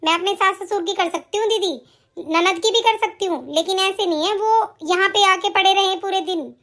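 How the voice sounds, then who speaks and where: A woman voicing a dutiful young sister-in-law who firmly and indignantly stands up for herself in an animated story. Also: extremely high pitch, normal speed. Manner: firm, indignant, lecturing.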